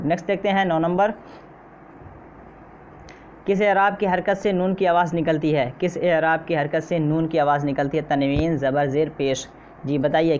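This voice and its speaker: Man teaching an exam-prep lesson. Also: on the high side. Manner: repeats questions and says "theek hai" often. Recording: slightly dull, faint noise.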